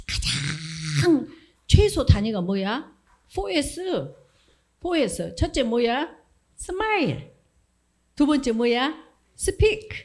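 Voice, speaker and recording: Lively woman preaching to children. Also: on the high side. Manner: animated question-and-answer with children, acts out voices. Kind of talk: Sunday school sermon.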